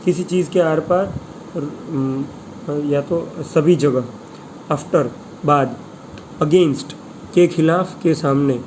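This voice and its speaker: A man teaching an English vocabulary list, reading each word and its Hindi meanings slowly and spelling some out letter by letter. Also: a little high, a little mellow, a little hiss or hum, low-quality recording. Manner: slow, deliberate, spells words letter by letter.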